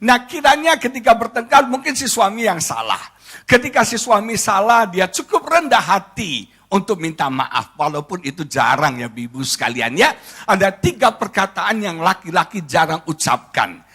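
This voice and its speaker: A middle-aged male pastor, giving a joking, animated sermon to his congregation. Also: high-pitched, normal speed, husky. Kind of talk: lively humorous sermon.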